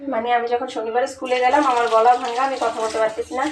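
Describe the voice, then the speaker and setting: বাংলাদেশি বাংলা টানে কথা বলা ত্রিশের কোঠার এক নারী, যিনি বাড়ির রান্নাঘরে রান্না করতে করতে ধীরেসুস্থে গল্প বলেন।. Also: female voice, a little high, flat delivery. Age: 30s. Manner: chatty, unhurried storytelling. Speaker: home cooking vlogger. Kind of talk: casual chat while cooking. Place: home kitchen. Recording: echoey kitchen, distant mic, background noise.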